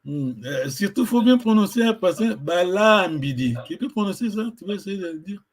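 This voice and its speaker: A man teaching a language lesson, patiently repeating words slowly for a learner. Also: sits high, expressive, warm tone.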